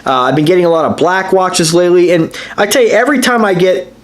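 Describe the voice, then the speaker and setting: High-pitched and fast, a man presents a laid-back watch review vlog on his own channel. His enthusiastic, meandering delivery is packed with fillers and restarts, and he keeps calling his viewers "guys."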